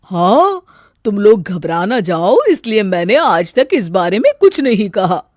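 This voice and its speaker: A woman voicing a scheming, sharp-tongued middle-aged mother-in-law in a cartoon, sly and muttering asides. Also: medium pitch, sing-song, a little slow, no room sound, studio quality. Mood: spooky. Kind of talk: cartoon dubbing.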